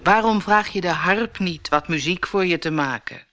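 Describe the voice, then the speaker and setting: A woman doing a giant's calm, sensible wife. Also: on the low side, normal speed, natural voice. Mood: soothing.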